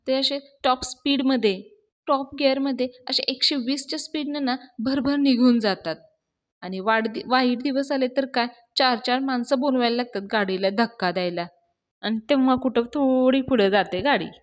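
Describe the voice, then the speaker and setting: A woman voicing a warm-hearted young man who coaxes and teases, calling the girl "madam" in a rustic way. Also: sits high, normal speed, voice pushed up, lightly acted. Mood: pleading. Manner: coaxing, rustic idioms, calls her "madam".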